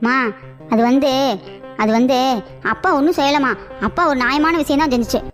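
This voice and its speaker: A woman voicing a young boy who whines and pleads in an animated cartoon. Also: high voice, brisk, faint music behind, natural voice. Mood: explaining. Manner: pleading, whiny. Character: young boy, whiny and tattling.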